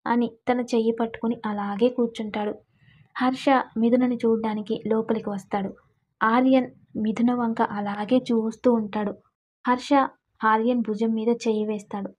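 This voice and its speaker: Mellow woman storyteller, lo-fi. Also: a little high, little pitch movement, normal speed, husky. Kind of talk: scripted story narration. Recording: dull lo-fi recording.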